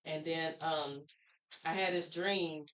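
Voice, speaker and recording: A woman's voice: low-pitched, steady tone, takes it slowly, fairly bright tone. A woman guest on a podcast, telling personal stories in a candid, rambling way. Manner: candid, rambling storyteller who acts out quoted voices. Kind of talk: casual storytelling conversation. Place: podcast room. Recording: roomy echo.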